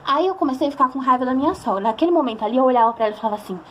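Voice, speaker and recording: A woman's voice: high-pitched, lively intonation, racing, a bit bright, a little hiss or hum. A young woman with a Brazilian accent, telling a personal story to her viewers in a chatty, emotional way and acting out the voices of people she quotes. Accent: Brazilian Portuguese. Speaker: vlogger.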